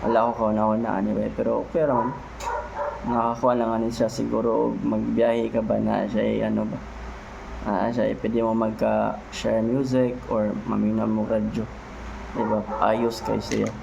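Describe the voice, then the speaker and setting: Hosting a casual motorcycle product vlog, a man with a Cebuano Filipino accent unboxes and gives feedback in short, loose fragments dotted with tag questions. He speaks at normal speed in a low, completely flat voice with vocal fry. The recording is muffled, and the background is noisy.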